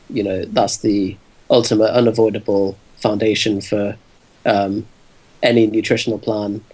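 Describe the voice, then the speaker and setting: A man's voice: on the low side, darkish tone, low-quality recording. A man guesting on a podcast as a fitness coach, explaining steadily with plenty of ums. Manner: measured, explanatory, many ums. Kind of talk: casual interview answers.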